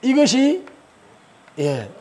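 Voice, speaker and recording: A man lectures at a religious retreat in a high voice that swoops up and down. His tone is mellow and a little husky. He keeps asking the room questions, answers them himself, and chuckles along the way. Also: huge pitch swings, drawn-out words. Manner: chuckles often while he explains. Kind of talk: lively spoken lecture.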